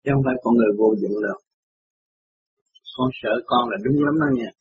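A man's voice: mid-range voice, huge pitch swings, brisk, gravelly, slightly rough. A man giving firm spiritual counsel, exhorting the listener as a child. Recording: tinny phone-like line.

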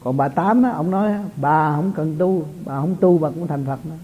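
A man's voice: on the high side, normal speed, husky. A man, a spiritual teacher giving an informal, chatty talk to his followers and chuckling often. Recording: tinny lo-fi recording.

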